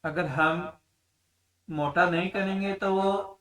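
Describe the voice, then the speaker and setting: A man's voice: high voice, fairly even intonation, fairly bright tone, recorded from a distance, poor audio. Man teaching recitation, set back from mic. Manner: explains in plain speech, then chants verses slowly. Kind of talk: tajweed lesson with demonstrations.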